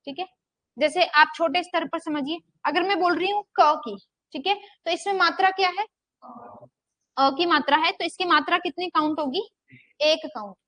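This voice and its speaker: A young woman with a high voice teaches grammar in a steady lecture rhythm. She asks the class a question, pauses, and answers it herself, and she stretches vowels out to demonstrate them. The recording is close and dry, with no room sound. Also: dry recording. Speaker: Hindi teacher.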